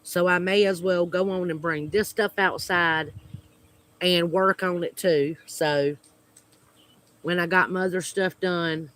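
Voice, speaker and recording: A Southern man from the United States with a high, bright voice hosts a homesteading channel livestream outdoors at home. He chats slowly and hesitantly with viewers, using many fillers in friendly small talk. His intonation is fairly even, with a little hiss or hum in the audio.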